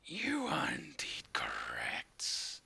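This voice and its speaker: A man voicing a possessed, demonic warlock being, very low, raspy and breathy, speaking slowly and ominously for a tabletop game. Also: wildly swooping pitch, pushed and bright, whispered, exaggerated voice. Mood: ominous, knowing. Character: possessed male otherworldly warlock being, deep demonic and slow.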